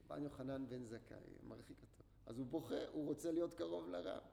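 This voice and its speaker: A man's voice: on the high side, creaky, dark tone. A man teaching a Torah class to a group, telling a story and asking his listeners questions, recorded in an echoey hall with faint noise. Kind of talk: religious class lecture.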